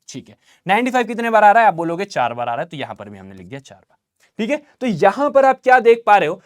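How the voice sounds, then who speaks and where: Lively, high-voiced Indian maths teacher. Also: male voice. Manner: energetic, chatty, repeats key questions and answers them himself. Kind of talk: online revision lesson.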